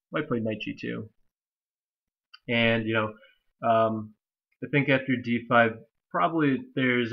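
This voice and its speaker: A young man with a stuffy, nasal voice talks through a chess game in a rambling, casual way, full of fillers and restarts. His pitch stays flat and even. The recording is slightly dull and lo-fi, like a home computer mic. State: stuffy from allergies. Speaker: chess commentator.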